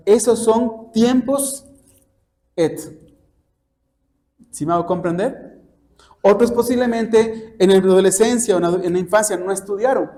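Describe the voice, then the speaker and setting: His voice sits high and sounds warm. He's a church preacher and Bible teacher, a native Spanish speaker, presenting an expository sermon in a teaching manner and often asking questions to see whether people understand.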